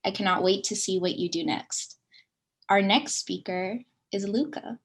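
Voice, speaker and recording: A woman's voice: mid-range voice, measured pace, slightly rough. Upbeat young woman student giving a tribute. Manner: upbeat and encouraging. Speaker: speech pathology student. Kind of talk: ceremony tribute speech.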